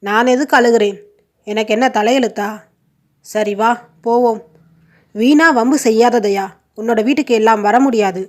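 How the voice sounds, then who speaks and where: A woman's voice: a little high, moderate pace, pauses often, natural voice. A woman voicing a proud, stubborn young heroine. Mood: defensive.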